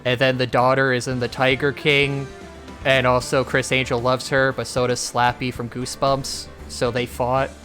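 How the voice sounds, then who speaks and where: A man's voice: mid-range voice, little pitch movement, normal speed, fairly bright tone. A man hosting a game livestream with casual commentary, reading bits of the game aloud. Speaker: streamer, host. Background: faint music.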